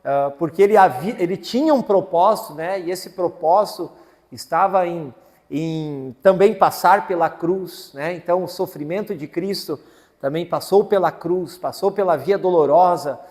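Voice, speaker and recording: A man's voice: high-pitched, moderate pace, darkish tone. A man preaching a sermon as pastor, telling a family story in a folksy way with frequent tag questions. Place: church. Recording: church hall with long reverb. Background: long hall reverb.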